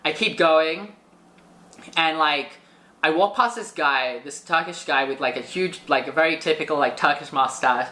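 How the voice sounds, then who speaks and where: A man telling a travel story in casual chat, animated and full of filler words. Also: a little high, normal speed, echoey room. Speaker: guest storyteller.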